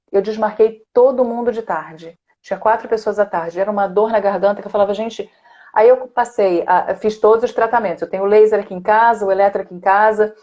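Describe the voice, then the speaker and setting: A woman speech therapist talking in a warm, chatty way and laughing often, as a guest on a live video call. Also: mid-range voice, highs cut off. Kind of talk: casual live chat. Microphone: computer or phone on a video call.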